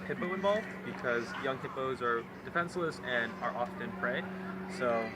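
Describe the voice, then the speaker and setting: A man with a medium-pitched voice explains things to a tour group. He is informal and somewhat hesitant, like a guide on the job. Loud outdoor ambient noise surrounds him on the handheld recording. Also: animated, normal speed. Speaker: zoo guide. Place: outdoors by trees and a path. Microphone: handheld camera a few steps away.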